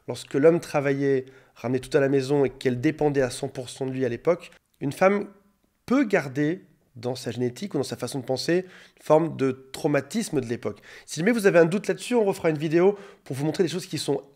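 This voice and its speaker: A man's voice: a little high, a little mellow. A man hosting his own coaching channel, explaining relationships directly to camera and acting out quoted lines now and then. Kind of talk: talking-to-camera coaching monologue.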